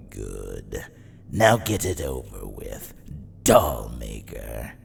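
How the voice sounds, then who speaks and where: A crazy cruel clown villain for a comic, drawn out and swooping all over, cackly, theatrical. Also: male voice, very deep voice, big pitch swings, very slow, vocal fry, slight background noise, full character voice. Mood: sinister. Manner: theatrical, cackling, swinging from shrieks to murmurs. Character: maniacal male clown supervillain, gleefully cruel, theatrical. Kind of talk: motion comic voice acting.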